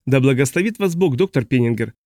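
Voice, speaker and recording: A man voicing an excited middle-aged man shouting up from a street crowd, in an audiobook reading. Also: mid-range voice, a little fast, no room sound, studio quality.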